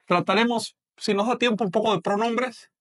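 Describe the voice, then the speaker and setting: A man teaches a language lesson online in a fairly high voice. His delivery is measured and patient, and he slows right down whenever he models a sound. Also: fairly even intonation, fairly bright tone. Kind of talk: online lecture.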